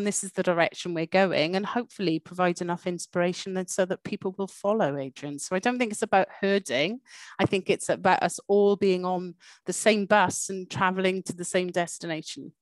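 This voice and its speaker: A middle-aged Welsh woman, a university dean, answers interview questions in a measured way, with some hesitant fillers. Her voice is fairly low-pitched, and the recording has no echo.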